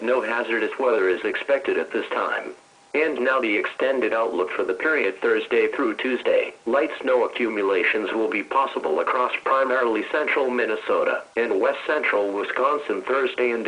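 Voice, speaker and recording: A synthetic text-to-speech voice of an American man, mid-range and a bit bright, reads a scripted weather forecast in a formal, impersonal announcer style. The low-quality audio sounds like weather radio broadcast reception.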